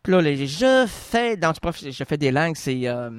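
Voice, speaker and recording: Punning Quebec man, lively high voice. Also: moderate pace, clear, resonant tone, no room sound. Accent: Quebec French. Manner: rambling, punning, stumbling over words. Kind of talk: improvised comic banter.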